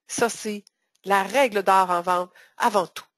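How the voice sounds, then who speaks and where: A woman's voice: medium pitch, steady tone, unhurried, fairly bright tone, no room sound. A woman with a Québécois French accent hosting a sales training webinar, talking emphatically and repeating words for stress. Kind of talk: webinar presentation.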